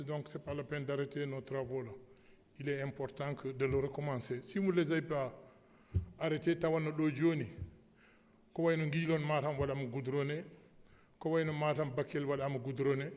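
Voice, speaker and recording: A man's voice: on the high side, a little mellow. A man with a Senegalese accent gives an emphatic parliamentary speech as a member of parliament, repeating himself for stress. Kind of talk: parliamentary speech switching between French and Pulaar. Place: large parliamentary assembly hall. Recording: echoey large hall with long reverb.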